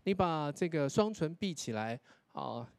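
A man, a pronunciation lecturer judging a contest, explaining feedback to contestants and often tagging his sentences with a soft "ha". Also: a little high, lively intonation, a little slow, vocal fry, no echo. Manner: explanatory, demonstrates English pronunciation, tags sentences with 哈. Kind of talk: spoken critique to contestants.

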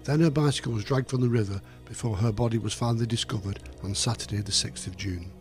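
A man giving scripted true crime narration in a sober, measured storytelling manner. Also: lowish voice, darkish tone. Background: faint music.

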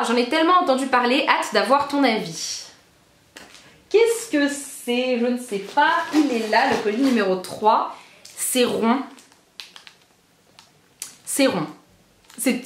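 A bubbly young woman from France with a high voice, chatting excitedly through a casual unboxing vlog. She gushes and piles up repeated words for emphasis. The sound is echoey, as if recorded in a bare room. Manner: bubbly and gushing, repeats trop trop. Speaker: beauty vlogger.

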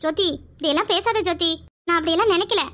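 A high-voiced performer playing a loyal, righteous young woman who speaks earnestly and firmly. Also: fast, a bit bright. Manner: earnest, then stern.

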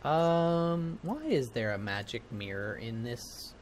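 A man chats casually while streaming a game, joking and swearing freely. His pitch moves about a lot, with faint game ambience behind him. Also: expressive, slow, slight background noise. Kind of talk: casual gameplay chat and reactions.

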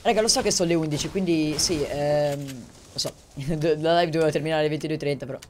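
Soft-spoken male game streamer. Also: fairly high pitch, slight background noise. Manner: talks quietly, holding back from shouting; chatty, rapid asides to viewers. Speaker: live streamer. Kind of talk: casual live gameplay commentary.

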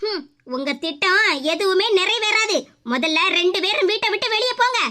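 A sharp-tongued cartoon mother scolds in a Kanyakumari Tamil accent. Her voice sits very high and sounds bright and piercing. Her talk is sarcastic and cutting. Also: normal speed. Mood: angry. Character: stern, scolding middle-aged mother. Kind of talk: cartoon comedy voice acting.

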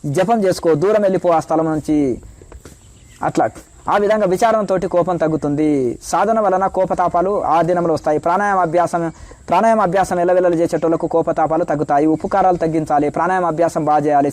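A man's voice: fairly high pitch, brisk, darkish tone. A middle-aged man, a spiritual teacher, answering questions in a preachy way and rattling off lists of virtues.

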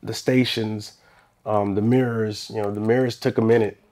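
In a small podcast studio, a barbershop owner in his thirties sits as a guest and tells his story in casual interview style. His fairly low voice moves at normal speed, relaxed and rambling with restarts, and livens up when he retells scenes.

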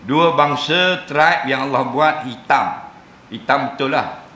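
A man's voice: mid-range voice, slow, bright, forceful tone. A man giving a jokey mosque lecture, often asking the audience if they understand. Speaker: religious lecturer. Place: mosque hall. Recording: roomy mosque hall sound.

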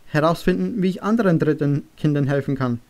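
A man reading an audiobook, voicing a boy who quietly explains a hard decision. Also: fairly high pitch, brisk, close to an everyday voice. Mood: quiet, earnest. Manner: quiet, subdued. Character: quiet, earnest young boy.

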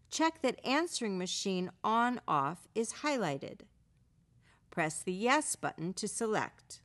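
Female narrator for an instructional video, medium pitch, measured scripted delivery. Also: a bit bright.

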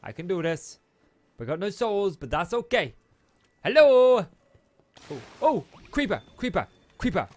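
A man giving chatty, excitable gameplay commentary and taunting the enemies on screen. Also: high-pitched, normal speed. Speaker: let's play host.

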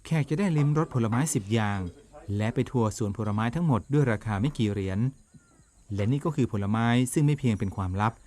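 A man's voice: mid-range voice, lively intonation, brisk, a little mellow. A man reading scripted narration as the narrator of a documentary. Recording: music bed under voice. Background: background music.

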